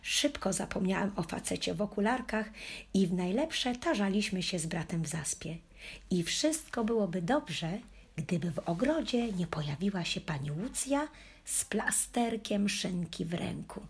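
A woman's voice: mid-range voice, expressive, normal speed, slightly rough. A woman reading a children's story aloud in the first person as a playful puppy, with a wry storytelling manner. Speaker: audiobook reader.

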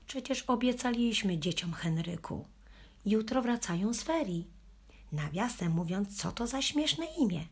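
A woman's voice: medium pitch, expressive, unhurried, a little mellow, breathy edge. A woman reading a sour puffing man in glasses. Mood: grumbling.

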